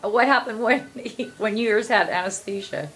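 A middle-aged woman chatting gently and reassuringly, like a mother looking after her child. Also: medium pitch, moderate pace. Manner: gentle, reassuring, uses endearments. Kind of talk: casual chat. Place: small dental clinic room.

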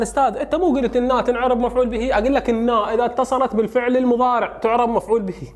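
Male teacher, Iraqi Arabic accent, high voice, brisk question-and-answer lesson delivery. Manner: quizzes students with quick questions and answers himself. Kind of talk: recorded grammar lesson.

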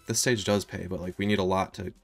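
A man's voice: sits low, steady tone, fast, gravelly, faint music behind. A man in his twenties giving casual commentary as he streams slot gambling. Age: 20s.

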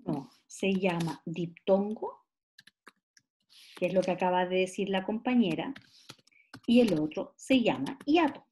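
Woman teacher, slow explaining. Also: mid-range voice, mellow, a little hiss or hum. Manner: explains slowly, stretches example words, asks rhetorical checks. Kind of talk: classroom lecture.

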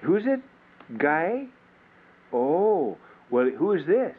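A man's voice: fairly high pitch, very animated, drawn-out words, husky. An older man, a grandfather, coaxing a toddler to talk during a family home movie. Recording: tinny old home movie tape with hiss.

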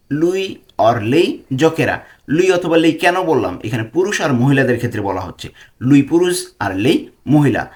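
A man from Bangladesh teaching a language lesson, explaining slowly and spelling out foreign phrases word by word. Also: on the high side.

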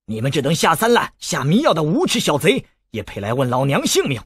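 A man's voice: a little high, wildly swooping pitch, a little fast, a bit bright, husky, no echo, full character voice. A man voicing a fierce, proud older woman who scolds defiantly. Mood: furious.

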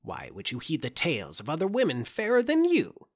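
A man voicing a croaking, scheming old witch in an audiobook fairy tale, giving sly warnings. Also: fairly high pitch, huge pitch swings, a little fast, voice pushed up. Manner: warning, coaxing.

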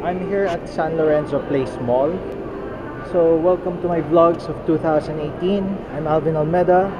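A man in his thirties filming a casual walking vlog in a large indoor mall, narrating in a rambling, slightly halting way into a handheld camera. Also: on the high side, fairly even intonation, background noise. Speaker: vlogger. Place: large indoor shopping mall, nearly empty. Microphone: action camera held at arm's length. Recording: muffled camera audio with loud mall ambience.

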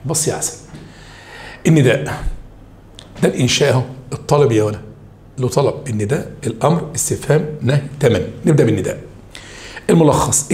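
A man with an Egyptian accent teaches a high school review of Arabic rhetoric. He's animated and coaxes his students along with pet names.

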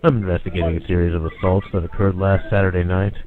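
A robotic male text-to-speech voice playing a stern private detective, asking slow, formal questions. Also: low-pitched, close to an everyday voice. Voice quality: flat robotic synthetic voice. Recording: tinny phone line with crowd.

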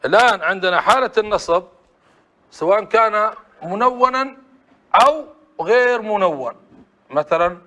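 A man's voice: sits high, lively intonation, normal speed, long pauses, bright, forceful tone. A man teaching a classroom grammar lesson, often asking the class short prompting questions. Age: adult.

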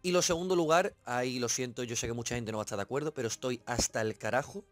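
A man's voice: medium pitch, quick pace, faint music behind. A man from Spain with a Spain Spanish accent, giving a casual film review as a channel host, emphatic and swearing freely, repeating himself for effect.

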